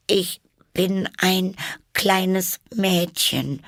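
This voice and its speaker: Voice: mid-range voice, drawn-out words, creaky, a bit bright, dry recording, studio quality, voice pushed up, heavily acted. A reader voicing a truthful little girl who protests earnestly and a little hesitantly, in a storybook reading.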